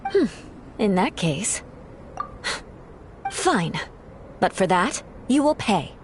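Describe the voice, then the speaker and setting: A proud young noblewoman knight from a video game. Her mid-pitched voice is measured, formal and haughty, holding itself in reserve. A faint noise sits behind it. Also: very animated. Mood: cool, haughty. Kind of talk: acted game dialogue.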